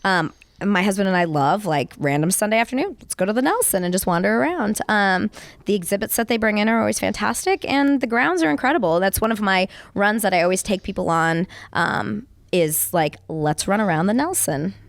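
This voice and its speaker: A woman's voice: medium pitch, lively intonation, a little fast, gravelly, dry recording. A young adult woman from Colorado, a fitness coach and gym owner, talking casually and swearing freely in a podcast interview.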